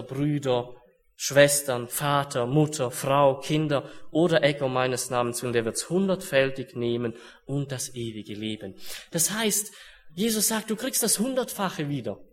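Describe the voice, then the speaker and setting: Earnest man preaching a sermon. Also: on the high side. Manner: earnest, swings from hushed solemn to raised urgent.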